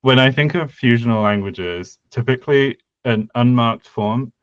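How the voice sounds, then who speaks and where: A young man, co-hosting a laid-back conlang design podcast, speaks at a moderate pace in a mid-range voice, thinking aloud with frequent fillers and restarts. The recording is muffled, with no room sound.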